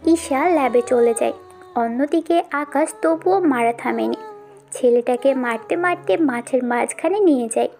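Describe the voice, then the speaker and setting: A woman narrating a dramatized audio story in a steady storytelling way. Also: high-pitched, normal speed.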